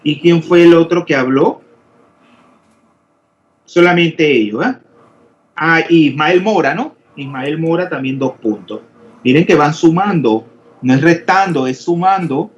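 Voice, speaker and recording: Male teacher in an online lecture, slightly high pitch, quizzes students, hesitant, muffled audio. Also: unhurried, pauses often. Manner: questioning, explanatory, many hesitations. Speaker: chemistry teacher. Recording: dull lo-fi audio with faint noise.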